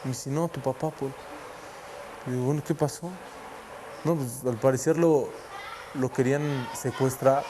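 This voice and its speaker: A man recalls a painful memory in a documentary interview, speaking quietly and hesitantly at a mid pitch. A steady hiss of noise sits under the recording. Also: measured pace, pauses often. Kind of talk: recounting a personal memory.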